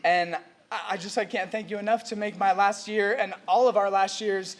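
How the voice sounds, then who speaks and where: Young man, high-pitched, emotional and rambling ceremony speech. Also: fairly even intonation, moderate pace. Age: young adult. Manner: choked up, rambling with many "like"s. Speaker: college cheerleader giving a speech.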